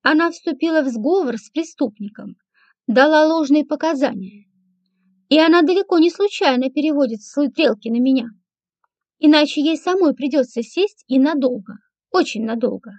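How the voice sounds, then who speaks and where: A woman narrating a first-person audiobook in a dry, measured manner. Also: sits high, lively intonation, darkish tone, dry recording. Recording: dull lo-fi, dry.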